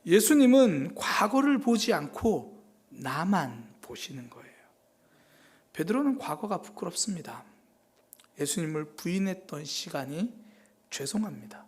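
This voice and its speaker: A man preaching a quiet, contemplative sermon with a pitch that rises and falls freely. He lowers his voice to a breathy whisper at key moments and draws out important words slowly. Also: big pitch swings. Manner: gentle, reflective preaching that often drops to a breathy near-whisper; slow, drawn-out emphasis on key words. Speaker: pastor.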